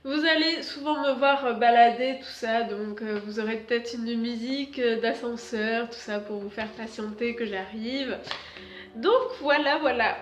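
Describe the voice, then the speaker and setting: A woman's voice: on the high side, unhurried. A woman standing by her bookshelves, chatting casually in a home vlog with lots of hesitations and fillers. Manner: moves about while talking, standing. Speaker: booktuber. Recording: echoey room with faint background music.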